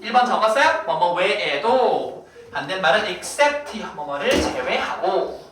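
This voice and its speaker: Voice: mid-range voice, expressive, unhurried, background noise. A teacher giving a playful, teasing vocabulary lesson in a classroom, quizzing the students as they go. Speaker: English teacher. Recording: very echoey room, voice far from mic.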